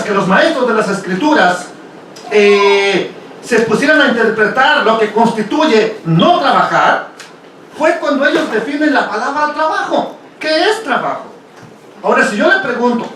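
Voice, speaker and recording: A high-pitched man teaches a Bible study to his congregation in a relaxed, questioning way. His voice rings through a very echoey hall. It is picked up from well away from the mic, with a faint hiss behind it. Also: recorded from a distance. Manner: conversational, asks rhetorical questions, tags "ok?".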